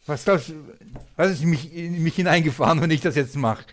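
A man teaching an informal Bible study, lively and chatty, laughing often and talking straight to his listeners. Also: a little high, fairly quick. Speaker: preacher.

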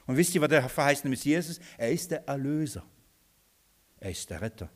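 A man preaching a sermon, asking his listeners questions and swinging between soft low asides and loud, high, emphatic lines. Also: expressive, a little fast.

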